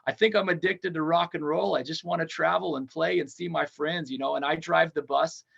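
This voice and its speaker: A man's voice: fairly high pitch, fairly even intonation, creaky, a bit bright, husky, dull audio. A man in his forties, a touring band frontman, chatting in an upbeat, rambling way as a podcast guest. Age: 40s. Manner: upbeat, rambling, talks fast in long runs. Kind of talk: casual interview chat.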